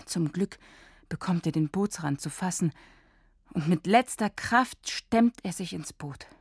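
Slow, husky woman telling a story. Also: fairly low pitch, no room sound, studio quality. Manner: calm, measured storytelling. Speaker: narrator. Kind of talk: scripted storybook narration.

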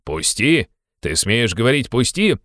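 A man voicing a hot-tempered, blustering young male friend who shouts and scolds. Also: medium pitch, very animated, unhurried, no room sound, pitched above the performer's own voice. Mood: angry shouting.

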